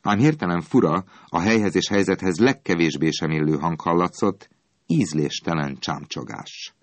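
A man reading a storybook aloud in an expressive, dramatic storytelling manner. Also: low voice, dry recording. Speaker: narrator.

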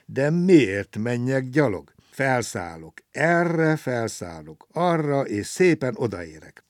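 A round little storybook traveler who loves chocolate, voiced a touch higher and louder than the telling around him, as a man reads him out. He sighs heavily over his troubles, then cheers up at every new idea. The recording is close and dry. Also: very animated, slightly rough, dry recording, distant mic. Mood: cheerful. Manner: sighing, then brightening.

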